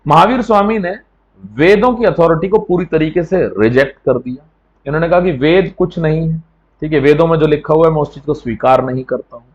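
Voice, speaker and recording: A man's voice: fairly high pitch, a little fast, dull audio. A man teaching an exam coaching lecture in a conversational way, often checking with "right?" as he explains.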